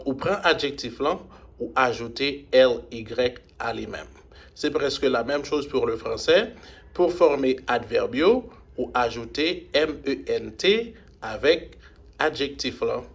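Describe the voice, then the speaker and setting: A man's voice: mid-range voice, fairly bright tone. A man teaching English grammar in French. He spells out letters, repeats example words, and switches between English sentences and French explanations. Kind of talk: recorded language lesson.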